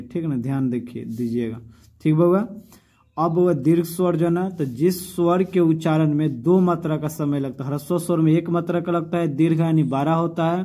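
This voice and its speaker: A man's voice: a little high, dark tone. A man teaching a casual class, who keeps asking his students questions and repeating points. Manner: addresses students affectionately, repeats and asks questions.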